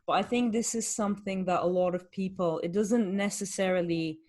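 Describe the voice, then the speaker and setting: A woman's voice: mid-range voice, fairly even intonation, a little fast, mellow. A woman, a fitness coach hosting a podcast, chatting candidly and explaining things with rhetorical questions. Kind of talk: casual podcast chat.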